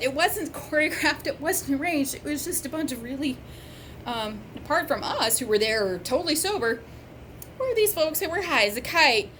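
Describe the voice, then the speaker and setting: A woman telling a funny story in a casual, wry, animated way, with exasperated asides. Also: extremely high pitch, slight background noise.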